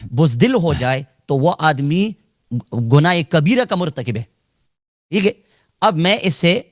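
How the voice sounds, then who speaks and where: A man debating as a guest cleric, laying out his position deliberately and checking agreement after each point. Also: on the high side, fairly bright tone, no room sound, studio quality. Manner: deliberate, repeats "theek hai?" to check agreement. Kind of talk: heated live debate.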